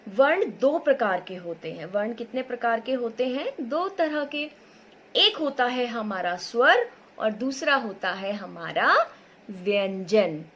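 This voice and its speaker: Brief: female primary teacher, patient and slow, bright sing-song questions, stretches each sound for little learners. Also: a little high, sing-song. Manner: slow, patient, asks questions and answers them herself; stretches sounds out to model pronunciation. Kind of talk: recorded online lesson for young children.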